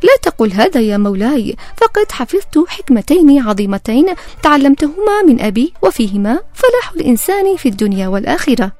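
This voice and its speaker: A woman reading the lines of a witty, forgetful man in a storybook tale, speaking in a calm, sly way. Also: high-pitched, quick pace, dry recording, faint music behind. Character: witty, forgetful man, court jester type.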